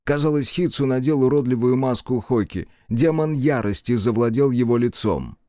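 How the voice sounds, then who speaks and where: A man narrating a dark fantasy audiobook in an expressive, dramatic reading into a studio microphone. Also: medium pitch, normal speed, no room sound. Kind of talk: scripted fiction narration.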